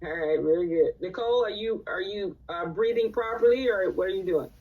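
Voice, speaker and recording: A woman's voice: mid-range voice, a little fast, slightly rough. A woman teaching a live recitation class in a conversational way, often checking in with her students. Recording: distant, dull lo-fi sound.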